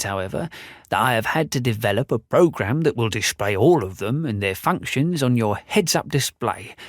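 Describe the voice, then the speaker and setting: A man's voice: mid-range voice, dry recording, studio quality, natural voice. A man voicing a kindly, forgetful old male inventor in an audiobook, explaining things patiently. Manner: patient, instructive. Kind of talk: audiobook character voice.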